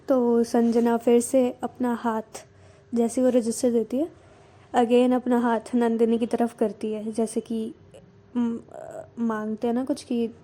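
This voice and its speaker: A woman's voice: on the high side, dark tone. A woman narrating a romance story in a casual, chatty way, explaining scenes as she goes.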